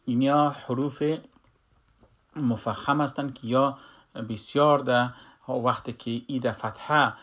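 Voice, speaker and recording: A man teaching a Quran recitation lesson, explaining slowly and calling out drawn-out letter sounds. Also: mid-range voice, steady tone, fairly bright tone. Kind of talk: tajweed lesson.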